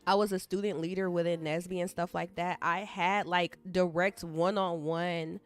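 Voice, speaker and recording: A woman streaming her coding session talks in a loose, rambling way, candid and expressive as she speaks straight to her audience. Her voice sits a bit on the lower side. Soft music plays faintly behind her. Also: moderate pace. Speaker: live-streaming coder. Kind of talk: casual rambling stream chat. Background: soft background music.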